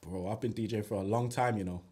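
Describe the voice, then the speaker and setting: Husky laid-back man. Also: on the low side, fast. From northern England. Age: 30s. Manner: laid-back, trails off quietly, slangy. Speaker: DJ guest. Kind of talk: casual podcast chat.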